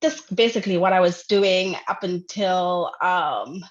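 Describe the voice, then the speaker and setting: A woman's voice: lowish voice, measured pace. Young woman from uganda chatting on a video call, lots of ums, kinda muffled lo-fi sound. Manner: chatty, many fillers, laughs often. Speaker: filmmaker guest. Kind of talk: casual interview over video call. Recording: dull lo-fi video call audio.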